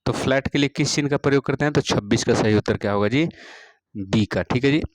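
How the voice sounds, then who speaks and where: Man calmly walking through exam answers. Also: mid-range voice, fast, rough recording. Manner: repeats each question, fills with "theek hai ji". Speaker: music teacher. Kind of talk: exam practice lesson.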